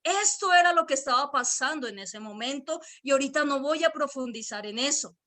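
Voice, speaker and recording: A woman's voice: sits high, animated, a little fast, pushed and bright. A woman with a Boyacá Colombian accent preaching a virtual church sermon, emphatic, repeating key words and putting questions to her listeners.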